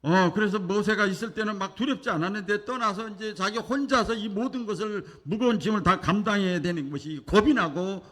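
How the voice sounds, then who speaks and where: A male pastor preaching a Sunday sermon with animated delivery, acting out quoted voices and swinging from quiet asides to loud declarations. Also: high voice, brisk, few pauses. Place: church sanctuary. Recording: long church hall reverb.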